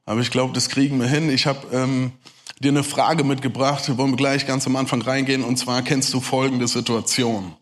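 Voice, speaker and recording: A man with a German accent giving a lively sermon, talking fast and speaking straight to the audience. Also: mid-range voice. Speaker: preacher. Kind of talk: lively sermon talk to a crowd.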